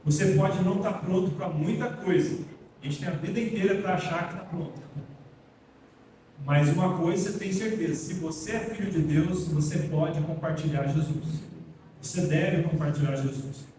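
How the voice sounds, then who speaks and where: In a church hall, a Brazilian pastor preaches an earnest, plainspoken sermon, calling his congregation brothers. His warm voice is fairly high and moves at normal speed. The echoey recording catches him from far off, with a little hiss or hum.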